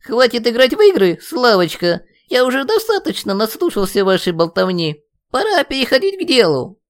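A man voicing a small clay golem in an audiobook, a whiny, mocking little creature with a squeaky voice. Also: wildly swooping pitch, moderate pace, exaggerated voice. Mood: aggressive. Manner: sneering and theatrical. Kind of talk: audiobook character voice.

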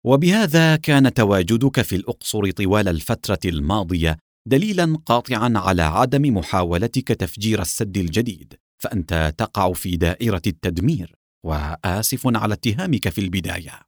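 A man reading the lines of a calm, resolute male captain, firm and measured. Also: fairly low pitch, no echo, studio quality.

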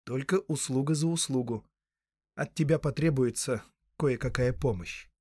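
Stern, measured young hero read by a male narrator, mid pitch, dry sound. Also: darkish tone, breathy edge, no room sound, lightly acted.

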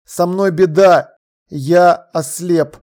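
An audiobook reader voicing a flustered young man in trouble, defensive and hurried. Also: mid-range voice, fairly even intonation, darkish tone. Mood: urgent. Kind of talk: audiobook dialogue.

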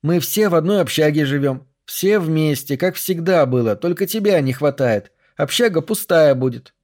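A man's voice: fairly high pitch, expressive, moderate pace, a little mellow, pitched above the performer's own voice, close to an everyday voice. A man voicing a young woman friend who talks in a coaxing, friendly way. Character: young woman, warm old friend, Masha.

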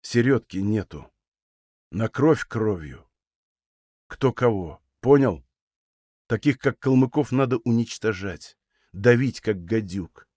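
A man voicing a hardened male revolutionary who speaks in a strangely calm, dull voice. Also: on the low side, takes it slowly, long pauses, no echo, clean studio sound, pitched below the performer's own voice. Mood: cold.

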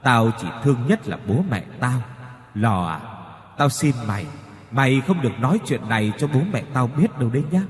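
Male reader doing a wronged young man's ghost, bitter and grieving, lively pitch, long reverb, faint music underneath. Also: a little slow. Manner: bitter, grieving, teeth-gritting.

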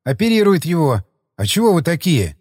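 A man's voice: a little high, very animated, moderate pace, darkish tone, husky, no room sound, clean studio sound, in a large hall, pitched above the performer's own voice. A man voicing a shy, earnest young male sniper who stumbles over his words. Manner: hesitant, stumbling.

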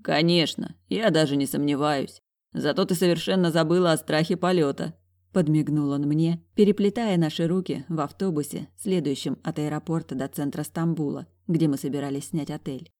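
A man narrating a first-person audiobook in a calm, gentle, reassuring way. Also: a little high, moderate pace.

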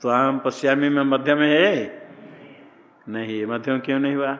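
A man teaching Sanskrit grammar in a slow classroom lecture, posing questions and answering them himself. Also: medium pitch, fairly even intonation, fairly bright tone, lo-fi sound. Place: ashram classroom. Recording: long hall reverb.

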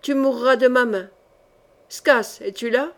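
A vengeful phantom voice calling names out of the darkness and swearing death, as a woman reads it. Its cries are pitched fairly high. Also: unhurried. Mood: menacing. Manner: menacing shouts. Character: vengeful phantom voice crying out from the dark.

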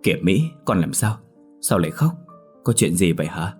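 A man's voice: deep voice, normal speed, a little mellow, soft background music. A man voicing a worried middle-aged country mother who pleads and frets over her daughter. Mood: alarmed. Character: middle-aged rural mother, anxious and grieving.

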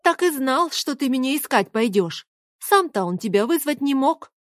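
A woman's voice: sits high, very animated, normal speed, no room sound, studio quality, voice pushed up. A woman reading an audiobook, voicing a spirited, teasing young woman with a mocking, bossy manner.

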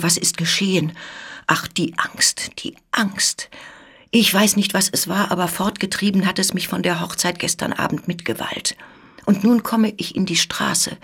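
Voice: medium pitch, husky. A reader voicing an honest, frightened male servant who rambles anxiously, in an audiobook reading.

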